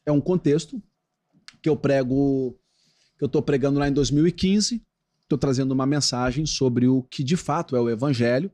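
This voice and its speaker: A Brazilian man, a pastor who once played football, talking in a podcast interview with an animated preaching cadence. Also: medium pitch, moderate pace.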